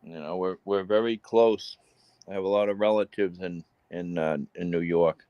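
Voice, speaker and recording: A man's voice: low voice, fairly even intonation, moderate pace, no echo, dull audio. A man with a Boston accent in casual chat on a live stream, rambling with many restarts.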